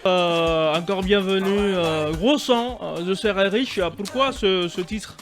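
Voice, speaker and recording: A man's voice: sits high, slow pace, soft background music. A man hosting a radio studio interview, presenting eagerly and backing the guest with frequent hums. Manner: lively presenter, many backchannel hums. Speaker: radio host.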